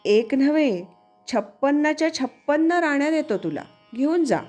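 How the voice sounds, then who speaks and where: A woman's voice: sits high, animated, measured pace, darkish tone, soft background music, pitched above the performer's own voice. A woman voicing a wise male yogi teacher who speaks in a firm, instructive manner within a religious story.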